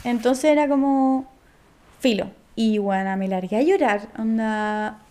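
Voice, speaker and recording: A woman's voice: on the high side, measured pace, dark tone. A young woman from Chile with a Chilean accent, chatting casually as a podcast guest, rambling with slang and fillers. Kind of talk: casual chat.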